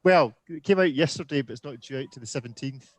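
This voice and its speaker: Male host, live video call, brisk and jokey, dry close sound. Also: mid-range voice, dry recording. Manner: jokey, brisk, introduces guests one by one. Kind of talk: casual live video chat.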